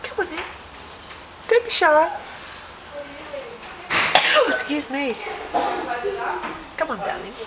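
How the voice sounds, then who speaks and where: A woman visiting a pet bird at home, coaxing it gently and affectionately. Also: high voice, sing-song, takes it slowly, pauses often. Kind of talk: casual chat. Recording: loud background noise.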